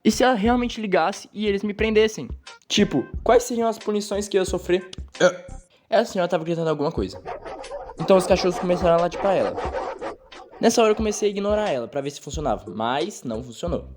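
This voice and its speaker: A young man with a Brazilian Portuguese accent, dubbing an animated storytime as its first-person narrator, telling it in a quick, animated way. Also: high-pitched. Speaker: fan dubber narrating a storytime. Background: faint background music.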